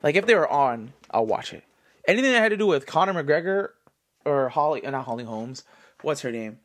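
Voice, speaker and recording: A congested man in his twenties hosts a solo podcast of casual commentary, his voice a little high and fairly quick. He rambles animatedly and fills his talk with fillers.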